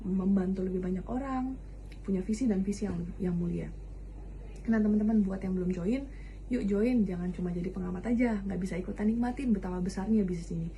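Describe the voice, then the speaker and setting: A woman in her thirties talks through an upbeat recruiting pitch, counting off reasons with energy. Her voice is very dark and mellow. There is a faint hiss behind her. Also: brisk. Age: 30s. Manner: enthusiastic, listing reasons with "nah". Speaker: insurance agent giving a testimonial.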